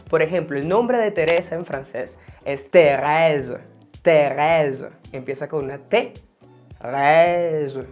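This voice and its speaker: An online language teacher walks viewers through pronunciation with a mid-range voice, repeating example sounds slowly and carefully. The delivery is explanatory and direct, stopping to pose quiz questions to the audience. Faint music plays in the background. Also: mid-range voice. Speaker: French teacher.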